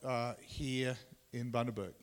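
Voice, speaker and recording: A man with a Tasmanian Australian accent gives an informal sermon as a visiting preacher, halting and conversational, often repeating his words. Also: medium pitch, fairly even intonation. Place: large room or hall, speaking to a congregation. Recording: echoey hall with long reverb.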